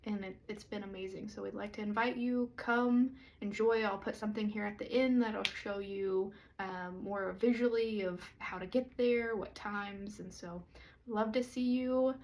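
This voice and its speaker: A woman from the southern United States, a church co-founder and pastor's wife, talking slowly and earnestly in a self-recorded video. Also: mid-range voice, fairly even intonation, darkish tone, a little hiss or hum. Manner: slow, reflective, earnest and inviting. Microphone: self-recorded camera or phone.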